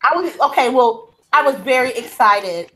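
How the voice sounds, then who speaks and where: A woman's voice: high-pitched, lively intonation, normal speed, a bit bright, rough recording. A woman hosting a casual gaming podcast over a call, talking in an enthusiastic, slangy way. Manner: enthusiastic, slangy gamer talk. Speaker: podcast host.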